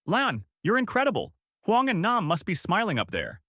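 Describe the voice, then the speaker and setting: A man voicing an older village uncle who yells out in a story. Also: very high-pitched, very animated, moderate pace, no echo, studio quality, voice pushed up. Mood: loud. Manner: yelling. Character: older village uncle, cheering then grieving.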